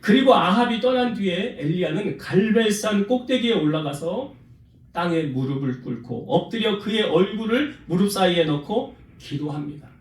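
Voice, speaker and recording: A man's voice: high voice, expressive, normal speed, echoey room, recorded from a distance. A male pastor preaching a sermon, retelling scripture with acted quotes and putting questions to the congregation. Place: church sanctuary.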